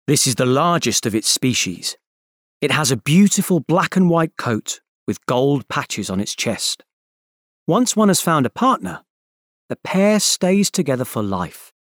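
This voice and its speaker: A man's voice: on the high side, no echo, clean studio sound. A man reading scripted instructions and short factual passages as an exam announcer.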